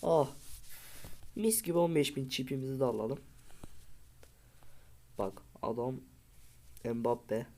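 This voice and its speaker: A man's voice: medium pitch, takes it slowly, pauses often, dark tone. A man giving casual commentary over a football video game, with frustrated outbursts and pleading at his players. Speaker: gaming video creator.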